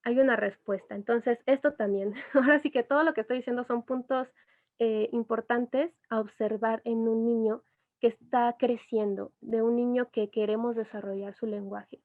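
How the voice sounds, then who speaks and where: A woman's voice: on the high side, fairly even intonation, normal speed. A woman, an educational psychologist, giving a patient explanatory talk full of little asides. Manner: patient, explains with asides and imitated baby sounds. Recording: tinny phone-like audio.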